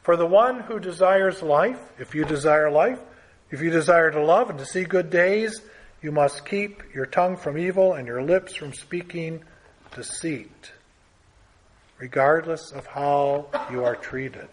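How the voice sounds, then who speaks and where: A man's voice: fairly high pitch, measured pace. A man preaching a Bible teaching sermon in an earnest, emphatic way, building through lists and pressing key words.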